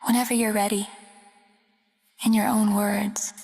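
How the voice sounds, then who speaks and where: A woman hosting and narrating a spooky story show in a whispered role-play, playful and teasing, with a breathy whisper. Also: mid-range voice, little pitch movement, a little slow, darkish tone. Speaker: host and storyteller. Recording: reverberant, with music behind.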